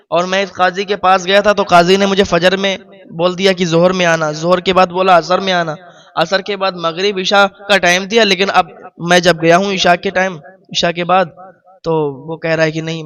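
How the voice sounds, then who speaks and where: A man's voice: sits high, a bit bright. A man voicing a poor, grieving father who pleads and repeats his complaint through tears.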